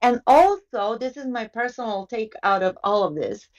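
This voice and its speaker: With a fairly high, animated voice at normal speed, a woman on a podcast works through her views analytically and looks for agreement from her co-hosts. At times she reads aloud from a book. The audio sounds dull.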